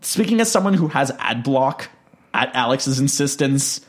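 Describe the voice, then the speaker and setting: A man's voice: medium pitch, lively intonation, normal speed. A young man co-hosting a podcast in casual chat, rambling and self-deprecating with lots of fillers. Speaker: podcast co-host.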